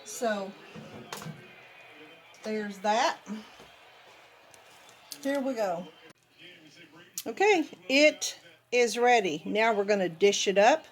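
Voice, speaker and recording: A woman's voice: mid-range voice, expressive, very slow, long pauses, soft background music. A middle-aged or older woman, chatting casually and folksily to viewers as she demonstrates home cooking. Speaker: home cook vlogger.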